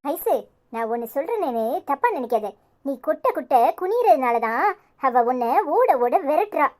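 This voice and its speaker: Woman voicing a calm, caring young friend. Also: sits high, moderate pace. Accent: Tirunelveli Tamil. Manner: soothing, reassuring.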